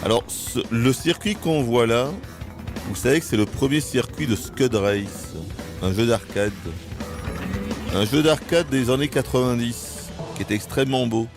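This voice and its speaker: A man streaming a game live, ranting in exasperation with swearing and sudden high-pitched outbursts. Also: a little slow, over music. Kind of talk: live gaming stream commentary.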